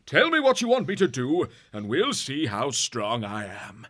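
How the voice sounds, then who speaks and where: A man voicing a strong, calm male warrior beast who steadily lays out plans and gives orders, in a husky voice. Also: mid-range voice, a little slow, voice pushed up, full character voice. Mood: commanding. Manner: steady, commanding, laying out plans.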